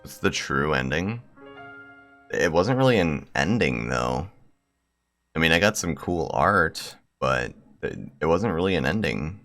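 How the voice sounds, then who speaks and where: With a bass voice that turns sing-song, a measured pace, and a fairly bright tone, a man hosts a gaming video. He reads visual novel text aloud and chats casually, joking bluntly and crudely with plenty of swearing, while music plays behind him.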